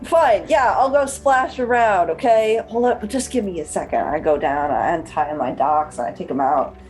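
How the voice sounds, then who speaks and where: Wry, deadpan woman player. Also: on the low side, normal speed, soft background music. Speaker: tabletop game player. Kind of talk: casual in-character roleplay.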